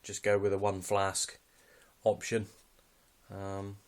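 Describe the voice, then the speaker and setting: Deep, smooth and monotone, this British man's voice moves slowly as he shows his kit. The hobbyist's walkthrough is casual and unscripted, delivered in an understated, matter-of-fact and somewhat hesitant manner.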